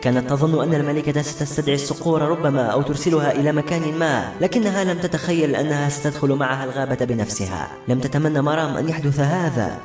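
A man narrating a novel as an audiobook, in an expressive storytelling manner. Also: a little high, fast, hardly any pauses, soft background music. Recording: echoey room.

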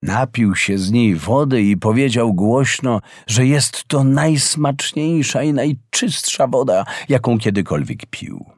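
A man reading a fairy tale aloud as narrator, with expressive, measured storytelling. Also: mid-range voice, no room sound, studio quality.

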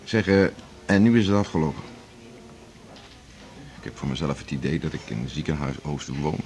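Playing a middle-aged, workaholic hospital internist and chief in a 1980s radio drama, this man sounds wry, confiding and self-mocking. His pitch is extremely low, his intonation lively, his pace moderate.

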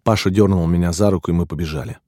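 Deep dark-voiced male audiobook narrator. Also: fairly even intonation, rapid-fire, no echo, studio quality. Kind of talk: scripted first-person narration.

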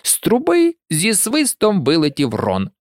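A narrator reading an audiobook in an expressive, lively way. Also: mid-range voice, a little slow, dry recording, clean studio sound.

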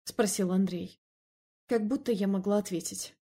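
A woman narrates a first-person novel in an even, measured tone. Her voice is mellow and slightly husky, with a middle pitch. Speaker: audiobook narrator.

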